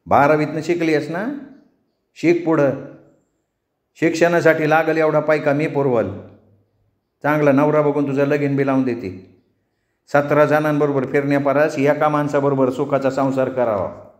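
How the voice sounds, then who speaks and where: A man's voice: a little high, flat delivery, moderate pace, long pauses, natural voice. Fierce rural troupe-owner woman, man voicing, scolding, echoey storybook read. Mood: stern. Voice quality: village dialect speech. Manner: scolding, commanding.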